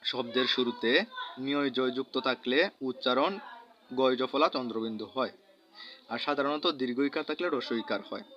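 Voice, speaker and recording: A man with a Bangladeshi Bengali accent teaching a grammar lesson, saying each example word slowly and repeating it. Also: medium pitch, fairly even intonation. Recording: dull lo-fi recording.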